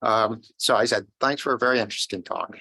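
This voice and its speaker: A man's voice: fairly low pitch, fast, gravelly, bright, forceful tone, husky, rough recording. A man in the audience asking a question after a talk, hesitant with many fillers.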